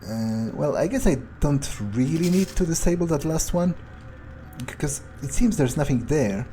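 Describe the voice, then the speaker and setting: A gaming video creator plays in character, his fairly high, animated voice warm and at normal speed over soft background music. He thinks aloud through the game in a hesitant, musing, sardonic way, swearing casually.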